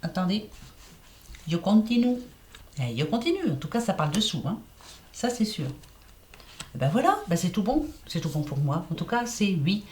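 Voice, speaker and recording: A woman with a slight lisp reads oracle cards in a loose, chatty way, circling back over the same point. Her voice sits at an ordinary middle pitch. A faint noise runs under the recording. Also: very animated, normal speed, long pauses, a little mellow. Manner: chatty, repeats herself, fillers like hein and voilà. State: lisping slightly. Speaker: oracle card reader. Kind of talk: casual card-reading guidance.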